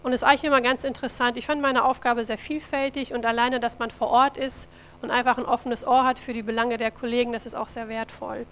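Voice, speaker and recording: A woman's voice: on the high side, little pitch movement, fast, fairly bright tone, slight background noise. A woman from Germany, a mission office coordinator, giving a friendly church presentation about her work and talking directly to the audience. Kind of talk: church mission report with slides.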